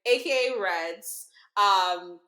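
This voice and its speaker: A woman in her thirties from Guyana, who grew up partly in the United States, co-hosts a cooking show and chats casually and warmly with her mother while seated on a living-room sofa. She speaks emphatically, repeating phrases for stress, with a medium-pitched, sharp-toned voice and drawn-out words. The recording has a roomy living-room echo.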